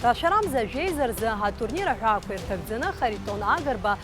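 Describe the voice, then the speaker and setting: A woman's voice: on the high side, lively intonation, brisk. A woman presenting sports news in scripted narration. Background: music.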